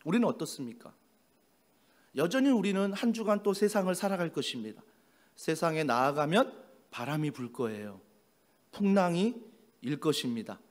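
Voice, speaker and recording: A male pastor preaching a sermon, swinging from loud exclamations down to hushed, tender speech. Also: a little high. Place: church sanctuary.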